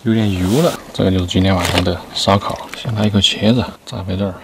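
A man's voice: low-pitched, fairly even intonation, fast, noisy background. A man in his thirties chatting casually to camera between bites while eating inside a car. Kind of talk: casual mukbang chat.

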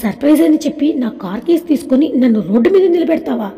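A woman's voice: high-pitched, lively intonation, quick pace, mellow. A woman voicing an easygoing young man who jokes and pleads with his friend. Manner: good-humoured, pleading, joking. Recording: echoey room with long reverb.

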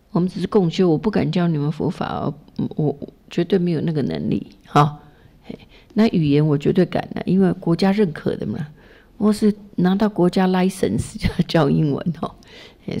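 A woman's voice: on the low side, vocal fry, warm tone. A middle-aged woman from Taiwan teaching a class, chatty and encouraging, full of fillers as she models pronunciation for her students. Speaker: English teacher leading a Buddhist study class. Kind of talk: casual classroom coaching.

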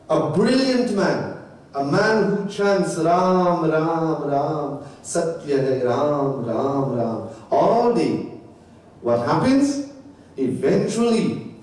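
A man preaching a sermon to devotees, swinging his pitch high and low for emphasis. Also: mellow, very echoey, far from the mic, rough recording. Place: temple hall.

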